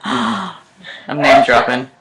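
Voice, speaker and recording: A woman's voice: rumbling low, steady tone, extremely slow, heavy background noise. A young adult woman co-hosting a podcast, chatting casually in a blunt, profane way and laughing often. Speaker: podcast co-host. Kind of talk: casual chat.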